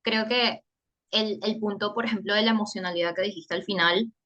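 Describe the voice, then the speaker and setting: A woman's voice: medium pitch, fairly even intonation, fairly quick, a bit bright, dull audio. A woman co-presenting a workshop, hesitantly adding her own point. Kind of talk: workshop discussion.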